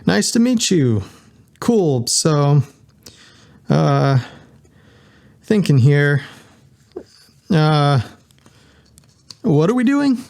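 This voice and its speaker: A man's voice: on the high side, big pitch swings, very slow, gravelly, pauses often, a little mellow, voice pushed up, full character voice. A man voicing a young punk canine man who stumbles and hesitates over his words. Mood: flustered.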